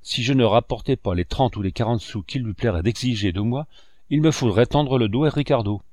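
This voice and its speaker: A man reading a classic novel aloud in measured, expressive storytelling narration on a close mic. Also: mid-range voice. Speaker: audiobook reader. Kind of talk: scripted narration.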